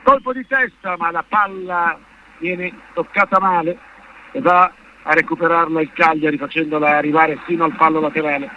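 A man's voice: a little high, flat delivery, normal speed, narrow, tinny audio. A man giving live, partisan play-by-play football commentary on the radio from a stadium. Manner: partisan, speaks as one of the fans. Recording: band-limited radio broadcast with background noise.

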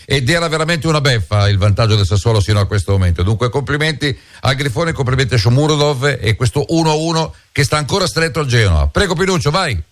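A man's voice: mid-range voice, expressive, quick pace, hardly any pauses, no room sound, clean studio sound. A man with an Italian accent discussing a football match as a radio co-commentator, unscripted and somewhat hesitant, repeating short words of approval.

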